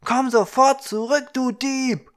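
A man voicing a selfish, quick-tempered young woodcutter who scolds and shouts. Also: a little high, voice pushed up. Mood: furious.

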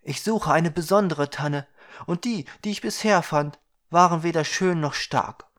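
A man voicing a selfish, quick-tempered young woodcutter who scolds and shouts. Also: on the high side, pitched above the performer's own voice. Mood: reverent.

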